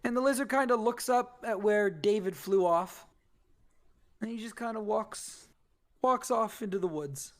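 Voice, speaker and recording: A man's voice: sits high, a little slow. A man narrating a tabletop game as game master, describing scenes in a loose, rambling way with lots of fillers.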